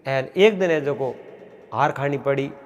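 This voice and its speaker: A man with a Marwari accent telling a traditional folk tale in a rhythmic, repetitive way, pausing often. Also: mid-range voice, big-room sound. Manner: repetitive, rhythmic telling with frequent pauses and fillers. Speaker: folk storyteller.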